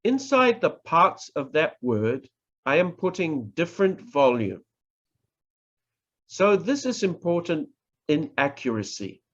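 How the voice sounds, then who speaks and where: Very animated and fairly bright in tone, a middle-aged New Zealand lecturer teaches public speaking during an online presentation indoors. He goes slowly and deliberately, stressing points with wide pitch swings, pauses, and repeated phrases. His voice is muffled by a video-call microphone.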